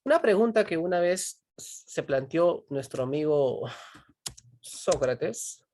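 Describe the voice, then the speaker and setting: A woman's voice: low voice, animated, slow, dark tone, a little hiss or hum. A woman teaching a philosophy class, constantly checking in with her students, asking them questions and pushing them to answer. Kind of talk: online pre-university class.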